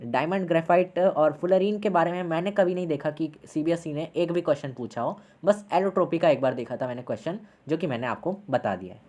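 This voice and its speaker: A man's voice: fairly high pitch, brisk, hardly any pauses, darkish tone. A man teaching an online class lecture in a casual, chatty way, constantly checking in with his students.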